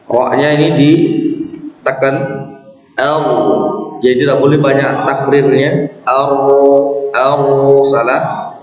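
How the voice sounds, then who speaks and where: Man, Indonesian accent, recitation teacher, slow careful delivery, echoey mosque hall, dull recording. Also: mid-range voice, little pitch movement, a little mellow. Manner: patient, corrective, repeats sounds one by one. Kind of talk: tajwid lesson, modeling slow sung recitation.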